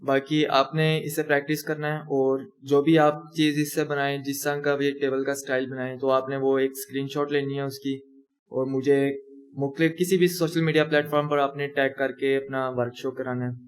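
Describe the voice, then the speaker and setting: Typing as he teaches, a young man explains each step of a coding tutorial captured on screen and corrects himself as he works. He speaks in a level, mid-range voice at a moderate pace.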